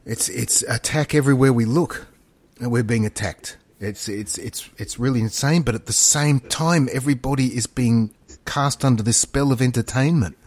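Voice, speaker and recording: A man's voice: medium pitch, moderate pace, darkish tone, no echo. A man in casual, opinionated podcast talk, rambling, emphatic and matey, often repeating himself. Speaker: podcast co-host.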